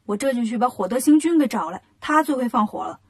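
A woman voicing a brash, impatient male monkey king in a children's storybook, loud and teasing. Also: on the high side, lively intonation, fast, breathy edge.

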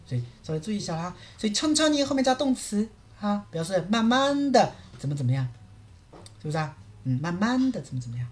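Brief: woman language teacher on a livestream, quick and animated, keyboard typing nearby. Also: medium pitch. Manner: lively, asks many rhetorical checks.

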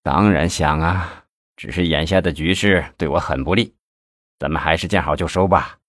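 A man's voice: lowish voice, sing-song, fairly quick, husky, dry recording, studio quality. A man voicing a middle-aged male city mayor who sighs and complains wearily about his troubles. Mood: gloomy, sighing. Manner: sighing, complaining, weary.

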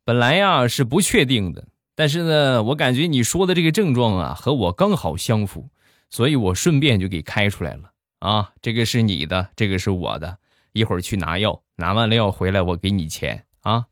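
A man's voice: on the low side, lively intonation, moderate pace, no room sound, studio quality, lightly acted. A man doing a breezy matter-of-fact doctor. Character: smooth-talking male doctor, matter-of-fact.

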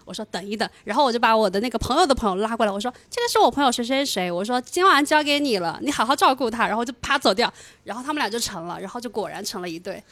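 A woman's voice: a little high, expressive, rapid-fire, few pauses, no room sound. A woman co-hosting a casual podcast, telling a story and acting out the dialogue with animation. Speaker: podcast co-host.

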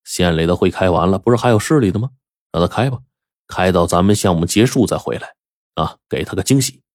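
A man's voice: sits low, a little fast, no room sound, studio quality. A man voicing a wealthy gang boss who can turn from genial to roaring. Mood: amused. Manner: smooth then roaring. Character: gruff rich gang boss, hot-tempered but kind.

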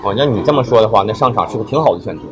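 A man's voice: lowish voice, expressive, racing, lo-fi sound, crowd noise. A man hosting a casual business interview, asking questions and summing up as presenter. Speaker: interviewer and host. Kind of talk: casual business interview with a closing narrated summary.

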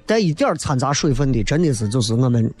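Faint music plays behind this Xi'an comedy host, whose medium-pitched, slightly mellow voice swings widely in pitch at a quick pace. Speaking with a Shaanxi accent, he riffs colloquially on the local dialect and city life, mimicking people for comic effect.

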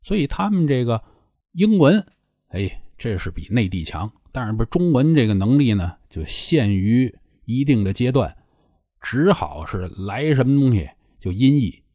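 Husky middle-aged man, lively chatty talk. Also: mid-range voice, moderate pace, dry recording, clean studio sound. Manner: chatty, wry storyteller addressing listeners politely. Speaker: podcast host. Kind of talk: casual solo chat.

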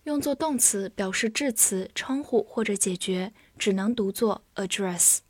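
A woman reading an English vocabulary review. She says each word twice in a deliberate way, then gives its part of speech and meanings. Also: mid-range voice, no echo.

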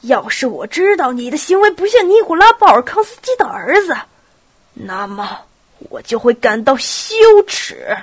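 A woman's voice: on the high side, animated, unhurried, slightly rough. A woman with a cold voicing a stern, abrupt elderly prince who gives clipped orders. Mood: shouting. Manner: curt, clipped commands, bursts into shouting. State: has a cold.

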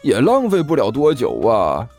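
A man voicing a timid young male thug who stammers and wheedles, the nervous sidekick in a told story, pitched well above his own voice. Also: huge pitch swings, moderate pace, darkish tone, faint music behind. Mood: eager.

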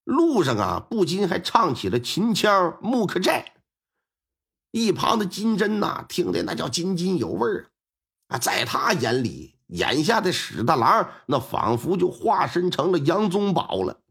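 Lively, gravelly male storyteller. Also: high voice. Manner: lively, colloquial, with drawn-out sentence-final particles. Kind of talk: Chinese storytelling performance.

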